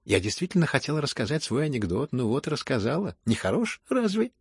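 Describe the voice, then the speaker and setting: Storybook heroine, proud young woman, sharp and mocking, read by a man in a husky, dry voice. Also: mid-range voice, big pitch swings, a little fast, no room sound, voice pushed up, heavily acted. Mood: mocking, indignant. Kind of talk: audiobook character voice.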